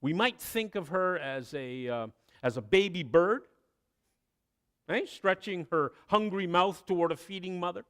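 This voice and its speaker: A man preaching a sermon, telling a story with expressive delivery and dramatic pauses. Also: high voice, clear, resonant tone. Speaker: pastor.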